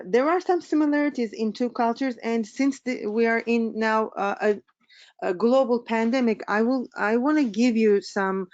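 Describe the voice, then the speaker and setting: A woman's voice: medium pitch, darkish tone, clear, resonant tone, no room sound, highs cut off. A middle-aged woman from Turkey with a Turkish accent, giving a webinar presentation as a business coach, hesitant with many fillers.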